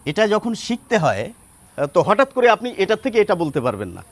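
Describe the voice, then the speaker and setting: An older man with a Bengali accent, teaching pronunciation in a slow, deliberate lesson. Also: sits high, wildly swooping pitch. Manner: slow, deliberate demonstration of words. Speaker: language teacher.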